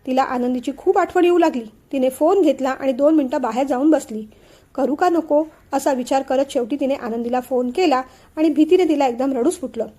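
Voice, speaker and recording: A woman narrating a family novel aloud in an expressive storytelling manner. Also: high voice, brisk. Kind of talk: audiobook reading of a family novel.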